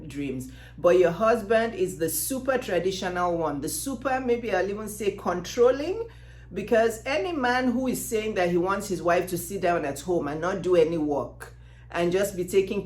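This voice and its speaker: Passionate Yoruba-accented Nigerian woman, low-pitched. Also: a little mellow. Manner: passionate, emphatic, with repeated rhetorical questions. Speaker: dating advice coach and host. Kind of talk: direct-to-camera advice talk. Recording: roomy, echoing sound.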